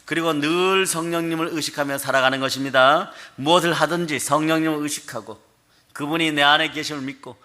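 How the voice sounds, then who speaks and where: Male pastor preaching fervently; bright, forceful, fairly high voice. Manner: fervent, emphatic preaching with repeated "amen hallelujah". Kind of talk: sermon. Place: prayer sanctuary.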